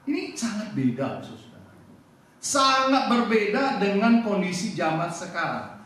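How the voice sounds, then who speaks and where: A man preaching a sermon as pastor, animated and joking with his congregation. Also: high-pitched, measured pace, recorded from a distance. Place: church hall. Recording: echoey church hall, mic off. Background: congregation responding.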